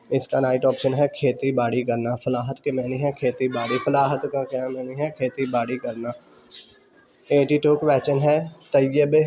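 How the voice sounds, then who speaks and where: A man's voice: mid-range voice, dark tone, slight background noise. A man teaching exam preparation, reading out quiz questions and repeating each answer several times for students to note down, with English exam terms mixed in. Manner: mixes English exam terms into his speech.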